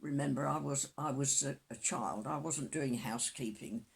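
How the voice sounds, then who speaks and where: A woman in her nineties reminiscing in a casual interview, with an aged, husky voice and a halting, self-correcting way of talking. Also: extremely low pitch, a little hiss or hum. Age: 90s. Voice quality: husky, creaky elderly voice.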